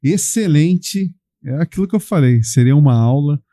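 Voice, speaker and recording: Deep-toned male podcast host. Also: expressive, moderate pace, dark tone, no echo, studio quality. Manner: encouraging, brief affirmations. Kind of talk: interview hosting.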